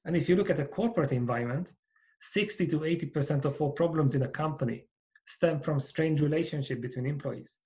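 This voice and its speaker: A man in his forties from Hungary with a Hungarian accent, speaking as a guest on a podcast over a video call, earnest and measured as he explains his ideas. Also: on the high side, mellow. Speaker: company founder, guest. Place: small home office with bookshelves. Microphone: over-ear headset with boom mic.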